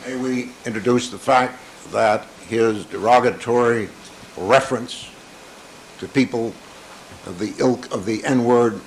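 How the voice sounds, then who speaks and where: A courtroom recording of a man acting as defense attorney, his voice at an ordinary middle pitch. He argues formally and deliberately to the bench. A faint background hiss sits under the audio. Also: rough recording. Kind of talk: courtroom argument.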